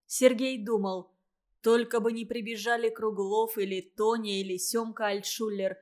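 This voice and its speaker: A woman reading a novel aloud in a measured, expressive audiobook narration. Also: a little high.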